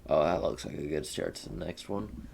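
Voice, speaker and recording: Young male gaming host, low and gravelly, reads visual novel lines with relaxed, muttered commentary. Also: normal speed, a little hiss or hum. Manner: laid-back, mutters asides between read lines. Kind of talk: reading a visual novel aloud with casual commentary.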